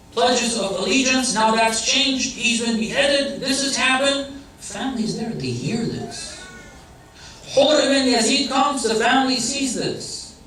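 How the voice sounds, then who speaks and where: A very high-pitched man, his voice pushed and bright, gives a religious lecture conversationally, putting frequent questions to those listening. He is from an Iranian family. It's recorded far off in a large, very echoey hall or center.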